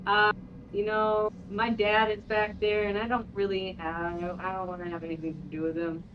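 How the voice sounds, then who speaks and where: A woman's voice: mid-range voice, level tone, moderate pace. A woman playing a tabletop game, describing her character's actions and speaking for her. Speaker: player. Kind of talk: tabletop game role-play. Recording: dull, lo-fi sound with faint noise.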